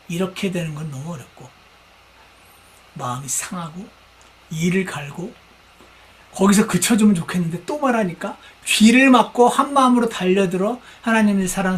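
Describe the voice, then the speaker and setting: Male pastor, high voice, lively dramatic sermon delivery, acts out quoted voices. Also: moderate pace, pauses often. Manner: animated, acts out quoted speakers, mimics shouting. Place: church.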